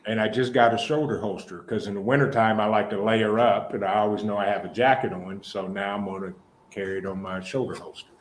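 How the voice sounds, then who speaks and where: A man's voice: lowish voice, fairly even intonation, a little fast. A man chatting casually as a livestream guest, blunt and repeating himself for emphasis. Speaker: guest on a live stream. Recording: roomy echo with light background noise.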